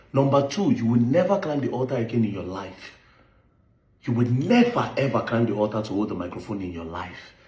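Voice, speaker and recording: A man's voice: medium pitch, a little mellow. A man with a Nigerian accent giving an impassioned, accusatory monologue, stressing points with rhetorical questions. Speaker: online commentator. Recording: echoey room.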